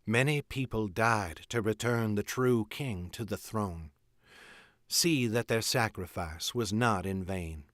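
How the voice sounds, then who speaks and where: A man's voice: fairly low pitch, slow pace, fairly bright tone, no room sound, studio quality. A man reading aloud and voicing a fierce young woman warrior, stern and commanding. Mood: grave.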